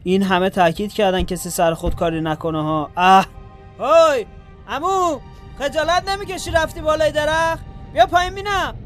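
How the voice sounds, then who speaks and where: A man's voice: high-pitched, fairly even intonation, few pauses, close to an everyday voice. An actor playing a young male frontline soldier who is grieving and hot-tempered, with a blunt and scolding manner, in a radio drama. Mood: angry. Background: music.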